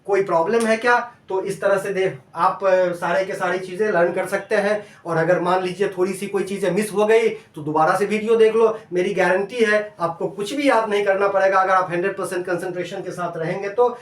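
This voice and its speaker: High-voiced male teacher, echoey room. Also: steady tone, fairly quick, hardly any pauses. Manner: coaxing, addresses students as dear children; repeats and checks understanding. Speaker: math teacher. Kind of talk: classroom-style lesson video. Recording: echoey room, distant from mic.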